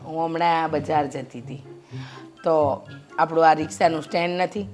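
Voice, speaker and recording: A woman's voice: sits low, fairly even intonation, moderate pace, darkish tone, soft background music, natural voice. An actress playing a kind-hearted middle-aged mother who talks earnestly and persuasively. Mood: persuading. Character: kind-hearted mother, lecturing her grown son. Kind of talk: short film drama acting.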